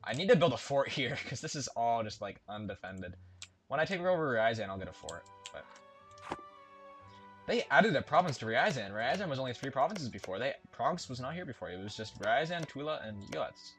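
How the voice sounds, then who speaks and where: His mid-range voice swings widely in pitch, has a fairly bright tone, and moves a little fast. The man casually commentates his strategy game as he plays in let's-play fashion, thinking aloud and correcting himself, over game music and keyboard typing.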